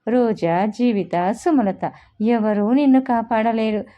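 A woman's voice: fairly high pitch, slow. A woman narrator voicing a worried mother giving a warning, in a storybook reading. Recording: dull lo-fi recording.

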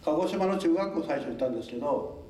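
A man's voice: a little high, expressive, fast talker, dark tone, slight background noise. Older man giving a polite talk in a hall. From Tokunoshima, Amami Islands, Japan. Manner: polite formal speech with frequent chuckles and asides. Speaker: lecturer. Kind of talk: public talk to a local audience. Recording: echoey hall, mic at a distance.

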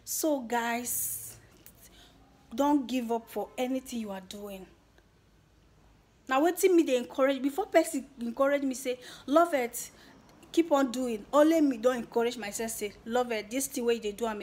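A young woman with a Nigerian accent thanking her subscribers in a casual vlog, excited and emotional, slipping between Pidgin and English. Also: on the high side, normal speed. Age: young adult. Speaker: YouTuber.

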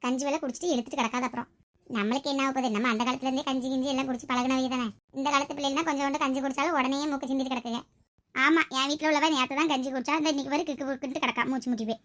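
A woman's voice: high-pitched, fairly even intonation, very fast, a bit bright. A woman voicing a chatty, nosy village neighbor who gossips at length. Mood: gossipy.

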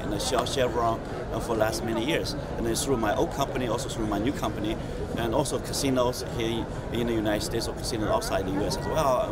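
A man pitching his consulting firm at an expo, halting and full of fillers. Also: heavy background noise. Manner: halting, many fillers, switches between languages. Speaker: business consultant. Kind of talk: promotional expo interview. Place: busy indoor expo hall booth. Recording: crowded expo hall chatter.

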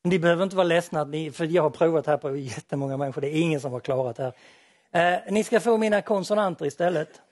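A man's voice: a little high, a little mellow, dry recording, studio quality. A man giving an explanatory lecture presentation on acoustics, with a light touch of humor.

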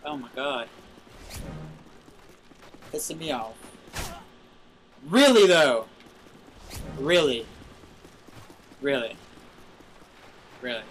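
A young man giving live gameplay commentary, frustrated and swearing loudly at other players. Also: medium pitch, takes it slowly, long pauses, slight background noise. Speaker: gaming video host.

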